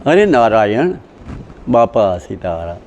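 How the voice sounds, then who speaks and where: A man with a Saurashtra Gujarati accent delivers a devotional sermon slowly, in a mellow, unhurried voice. His telling swings between loud, dramatic exclamations and soft asides. A faint hum of noise and passing vehicles sits behind him. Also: fairly low pitch, sing-song, muffled recording. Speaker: devotional storyteller. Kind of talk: religious discourse with chanting. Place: outdoor village satsang gathering.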